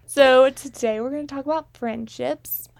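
Youngish woman chatting casually, slightly high voice, really dry recording, tells stories like a host with a friend. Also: steady tone, normal speed, creaky, no room sound. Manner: chatty, anecdotal storytelling with frequent small laughs. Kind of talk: casual chat.

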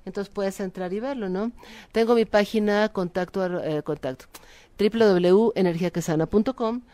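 Chatty woman, mellow, dry. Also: medium pitch, no echo. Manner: chatty, many fillers and tag questions. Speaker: guest. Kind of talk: casual chat.

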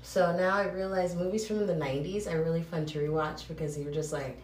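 A woman with a fairly low voice rambles casually, correcting herself and laughing at her own slips. She is recording in a small bathroom, so her voice bounces around like it is in a cave. A faint hiss sits under the room's echo. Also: steady tone, brisk, recorded from a distance. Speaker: vlogger reviewing films.

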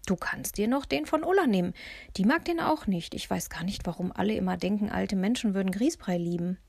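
A woman reading an audiobook, voicing a spirited, sharp-tongued old lady who speaks bluntly and matter-of-factly. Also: mid-range voice, animated, fairly quick, creaky, husky, no room sound, studio quality. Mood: frank.

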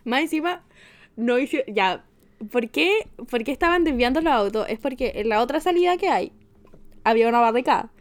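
A woman's voice: high-pitched, lively intonation, moderate pace. A young Chilean woman co-hosting a podcast, explaining events in detail in casual chat. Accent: Chilean Spanish. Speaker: podcast co-host.

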